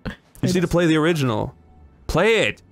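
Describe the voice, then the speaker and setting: A man's voice: on the high side, sing-song, a little fast, soft background music. A man hosting a let's play with casual, teasing, sweary banter and mock insults.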